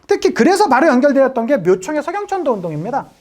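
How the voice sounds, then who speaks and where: A woman's voice: sits high, big pitch swings, racing, darkish tone. A woman teaching an exam-prep history lecture, chatty and joking, often acting out little quotes.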